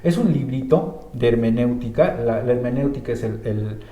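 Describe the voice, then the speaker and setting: A man's voice: mid-range voice, a little fast, warm tone. A man with a Bolivian Spanish accent, teaching about the Bible in a conversational way, with many filler tags and restarts. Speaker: church teacher. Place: church room. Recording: roomy echo.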